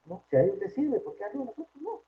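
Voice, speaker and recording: A man with a Peruvian Spanish accent, a psychologist giving an informal workplace talk in a chatty way, often checking in with a quick question tag. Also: high voice, sing-song, slightly rough. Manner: conversational, frequent tag questions. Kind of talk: informal lecture. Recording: tinny phone-like line.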